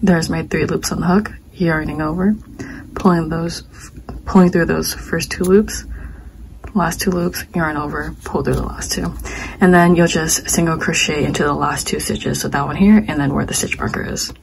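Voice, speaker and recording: A young woman walks viewers through a crochet pattern, calmly counting stitches as she works. Her voice sits low with a gravelly fry and a touch of hoarseness. A faint hiss runs under the recording. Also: moderate pace, low-quality recording. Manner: calm, talks while working, counts stitches aloud. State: slightly hoarse. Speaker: crochet instructor. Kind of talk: step-by-step craft tutorial.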